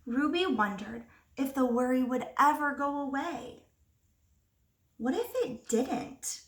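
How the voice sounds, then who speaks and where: A woman teacher reading a picture book aloud to young children, expressively, pausing to ask them simple questions. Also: high-pitched. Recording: roomy echo, distant microphone.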